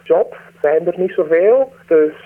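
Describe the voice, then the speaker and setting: A woman, her voice disguised by a deep pitch-shift distortion, answering a radio interview earnestly with hesitant pauses. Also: lively intonation. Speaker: anonymous former aid worker interviewee. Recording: distorted, narrow phone-like sound.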